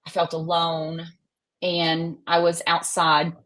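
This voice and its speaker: A middle-aged woman, telling her personal story as an interview guest in a folksy, candid, halting, self-deprecating way. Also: fairly low pitch, completely flat delivery, fairly bright tone. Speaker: interview guest, psychic medium and minister.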